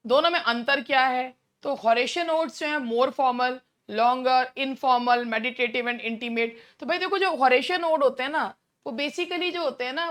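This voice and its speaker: A woman teaching English literature for an exam, mixing Hindi and English, reading out options slowly and then explaining briskly. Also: high-pitched, a bit bright. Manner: reads multiple-choice options slowly, then explains quickly; addresses students directly with rhetorical questions.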